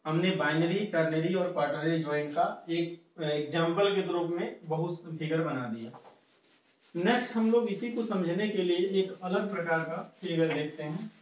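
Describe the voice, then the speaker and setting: A man's voice: fairly high pitch, moderate pace. A male engineering teacher giving a classroom lecture, counting through an example step by step and mixing English technical terms into his talk. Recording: far-off, roomy, muffled lo-fi sound.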